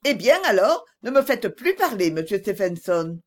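A woman reading an audiobook voices a young woman who is gentle but firm and pleads earnestly. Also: medium pitch, sing-song, moderate pace. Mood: earnest pleading.

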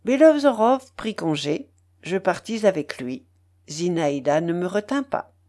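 A woman narrating a classic novel in an audiobook, in a measured, expressive reading. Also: on the low side. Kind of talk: scripted literary narration.

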